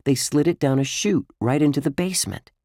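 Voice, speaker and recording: A man reading a children's book aloud, voicing an excitable young boy who complains a lot, in a raised, lively voice. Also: a little high, brisk, no echo, studio quality, pitched above the performer's own voice. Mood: eager.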